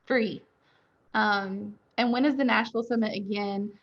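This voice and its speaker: A woman's voice: mid-range voice, steady tone, a little slow. A young woman who owns a dental lab, answering questions candidly in a webinar interview over a video call. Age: young adult. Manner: candid, chatty, laughs easily. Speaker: dental lab owner and guest. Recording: dull lo-fi call audio.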